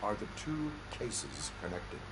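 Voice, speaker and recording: Cyborg cop, stern, flat formal delivery, lowish voice, lively pitch, heavy noise in game audio. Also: male voice, takes it slowly, creaky, full character voice. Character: stern male cyborg police officer.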